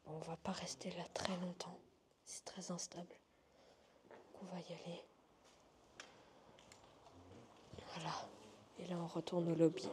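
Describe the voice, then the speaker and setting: A woman narrating an exploration vlog in a hushed whisper, in short halting fragments as she shows a place around. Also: lowish voice. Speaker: urban exploration vlogger. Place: inside a large abandoned hotel.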